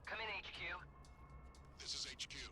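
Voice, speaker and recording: Game soldier, crackly old field radio line, fairly high voice, clipped military talk, terse and dutiful. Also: male voice, lively intonation, moderate pace. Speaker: enemy soldier reporting over radio. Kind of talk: video game voice acting.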